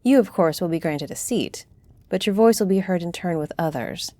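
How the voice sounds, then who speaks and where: In a fantasy audio drama, a woman plays a stately griffin-shifter who leads a council, a solemn and fair-minded diplomat. Her fairly low, dark voice is formal, deliberate and authoritative, expressive yet only lightly acted. The recording is dry.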